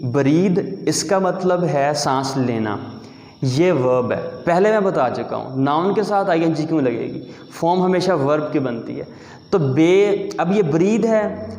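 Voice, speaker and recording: A man teaching English pronunciation, speaking slowly and deliberately, spelling out words and repeating them as a drill. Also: on the high side, darkish tone. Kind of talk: classroom-style lesson, spelling words aloud. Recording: echoey, reverberant room.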